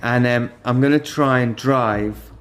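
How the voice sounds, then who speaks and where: A man's voice: medium pitch, measured pace, fairly bright tone. A middle-aged man, chatting casually with a co-host in a pub, laughing often and swearing freely. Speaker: podcast co-host. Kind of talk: casual chat.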